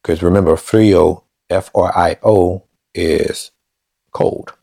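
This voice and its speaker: A man talks slowly from his couch, feeling his way through beginner phrases and correcting himself as he goes. His voice sits very low, with a gravelly fry, and the recording is dry and close. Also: steady tone, warm tone, no room sound. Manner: hesitant, self-correcting beginner reading phrases aloud. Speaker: language learner vlogger. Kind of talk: casual self-recorded practice. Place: at home on a couch.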